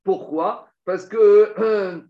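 A man's voice: high voice, very slow. A man teaching a Talmud class, reading Aramaic passages and explaining them step by step, asking questions and answering them himself. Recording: dull, echoey room recording.

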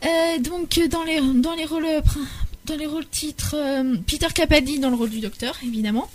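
A woman's voice: sits high, a little fast. A young woman presenting a podcast segment in casual chat, hesitant, with many restarts and fillers. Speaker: podcast columnist.

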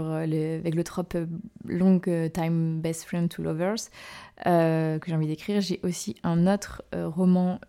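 A woman's voice: fairly low pitch, mellow. A woman hosting her own podcast as a novelist, chatting casually and hesitantly with lots of fillers and self-mocking laughs. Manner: hesitant, full of "euh" fillers and restarts. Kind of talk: casual solo podcast chat.

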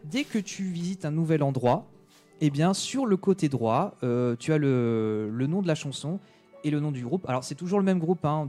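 A man's voice: mid-range voice, dark tone. A man chatting casually on a radio show, hesitating often with many fillers and restarts.

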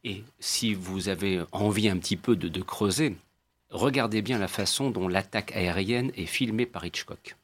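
Calm male co-host, measured. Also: on the low side. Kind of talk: casual talk-show chat.

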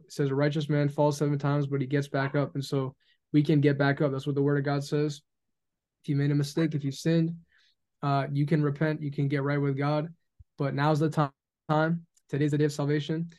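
A man's voice: on the high side, warm tone. A man of twenty-one, a podcast guest talking earnestly about faith in a casual conversation and slipping into preachy stretches. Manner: earnest and preachy, acts out mock dialogues.

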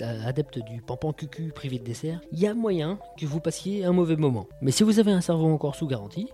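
Man, podcast host, mellow voice, jokey, sardonic, casual chat, faint music behind. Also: mid-range voice. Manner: jokey and sardonic, full of quips. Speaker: podcast host reviewing audio shows.

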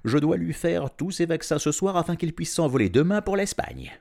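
A man playing a smug, brisk male veterinarian in a storybook reading. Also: on the high side, lively intonation, gravelly, a little mellow, voice pushed up. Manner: self-satisfied, brisk.

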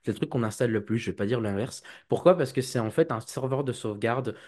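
A man chats loosely about his work in computer security. His voice sits at an ordinary middle pitch, and he wanders through restarts and quick mimicked exchanges. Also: darkish tone. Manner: rambling, with restarts and playful acted quotes. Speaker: IT and cybersecurity guest. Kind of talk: casual podcast chat.

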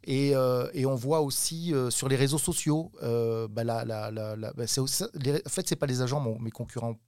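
A man's voice: medium pitch, moderate pace, a little mellow, clean tone, dry recording, clean studio sound. A middle-aged man from southwest France, a talent agent for children, talking casually in an interview with lots of fillers and restarts. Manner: hesitant, many fillers and restarts.

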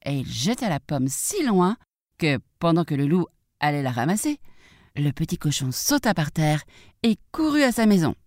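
A woman with a low voice reads a children's fairy tale aloud. Her pacing is slow and careful, her melody lively and expressive, and the recording is close and dry with no room sound. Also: dry recording. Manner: expressive, measured storytelling. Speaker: storyteller. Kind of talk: children's story reading.

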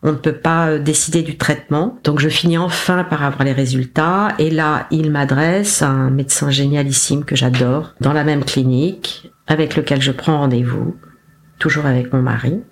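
A woman, a podcast guest, recounting her experience in a casual, animated way, acting out her own lines with self-mocking humour. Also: sits low, moderate pace. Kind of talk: casual storytelling interview.

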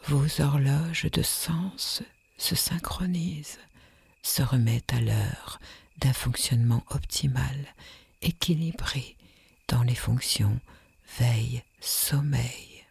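A woman leading a guided sleep meditation in a soft, soothing, breathy whisper with long hypnotic pauses. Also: rumbling low.

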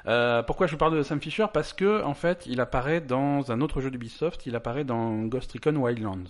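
A man's voice: mid-range voice, normal speed. A young adult man, co-hosting a casual gaming podcast, rambling with restarts and joking asides. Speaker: podcast co-host presenting the news.

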